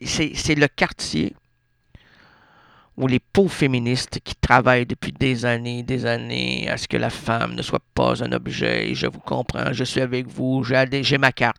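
A man's voice: mid-range voice, gravelly, fairly bright tone, smooth, no echo, clean studio sound. A man with a Québécois French accent, a radio host telling a rambling comic monologue full of absurd asides and self-interruptions. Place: radio studio.

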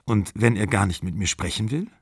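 A man reading an audiobook, voicing an agitated young woman in raised, excited bursts. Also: fairly low pitch, a little fast, breathy edge, no echo, studio quality. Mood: worried.

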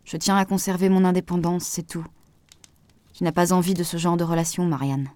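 Woman doing a gentle firm man, lowered voice, mellow tone, dry close sound, audiobook. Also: fairly even intonation, fairly quick, no room sound, close to an everyday voice. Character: man, soft-spoken, calm and firm. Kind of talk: audiobook dialogue reading.

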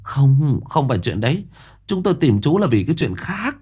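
A man's voice: medium pitch, big pitch swings, moderate pace, a little mellow, slightly rough, pitched above the performer's own voice. A man doing an anxious, bossy village woman. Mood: urgent. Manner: urgent, insistent.

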